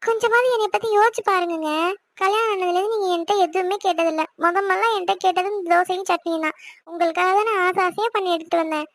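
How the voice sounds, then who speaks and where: A woman voicing a young wife in an animated series, arguing and pleading quickly and insistently. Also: extremely high pitch, dry recording. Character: young wife, stubborn and outspoken.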